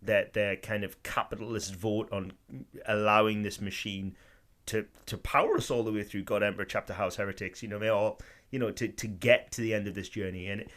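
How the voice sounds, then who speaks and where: Rambling, swearing man with a low voice. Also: fairly even intonation, fairly quick, fairly bright tone. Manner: rambling, swears freely, leans on "I mean". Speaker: podcast co-host. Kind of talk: casual podcast chat.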